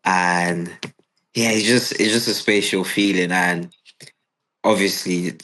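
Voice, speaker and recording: Young guy from cameroon, really low voice, talks slow and flat, lots of ums. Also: slight background noise, rough recording. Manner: relaxed, hesitant with fillers. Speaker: footballer guest. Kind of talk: casual interview answers.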